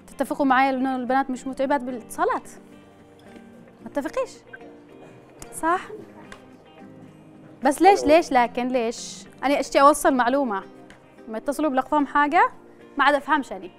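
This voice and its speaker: A woman's voice: sits high, quick pace, long pauses, faint music behind. A woman with a Yemeni accent presenting a live phone-in game show, chatting and playfully teasing callers. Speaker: host of a televised phone-in quiz show.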